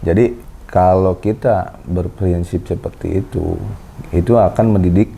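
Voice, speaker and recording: A man in his thirties hosting a casual parenting chat with his wife, explaining in a calm, lecturing way. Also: low-pitched, measured pace, gravelly. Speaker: host. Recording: faint background noise.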